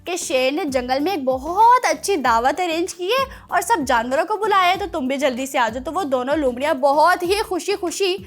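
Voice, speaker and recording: A woman with a high voice and lively intonation hosts a children's show, telling stories like a teacher and often asking her young listeners questions. She speaks at normal speed with few pauses, and faint music plays behind her.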